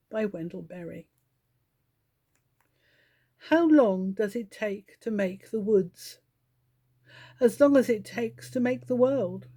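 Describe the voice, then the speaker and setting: A woman hosting her own channel, reading poems aloud slowly and meditatively, soft-spoken with gentle pauses. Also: medium pitch. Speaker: poetry reader and channel host. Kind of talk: slow, meditative poetry recitation.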